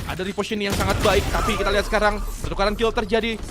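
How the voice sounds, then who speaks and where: A man with an Indonesian accent doing live play-by-play like a fighting game announcer, excitable, building tension with exclamations and rhetorical questions. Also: sits high, very fast. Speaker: esports play-by-play caster. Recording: clear game gunfire and clicking noise.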